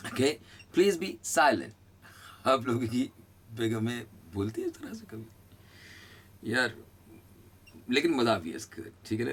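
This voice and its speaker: A middle-aged man teaching an English lesson, slowly drilling phrases between chatty asides. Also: mid-range voice, husky. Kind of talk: spoken English lesson in Hindi.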